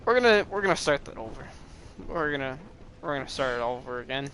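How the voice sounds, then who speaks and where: Young male streamer, lively up-and-down pitch, rambling and excitable, swears when the game goes wrong, faint hiss behind. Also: fast talker. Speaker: gaming streamer. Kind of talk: live gameplay commentary.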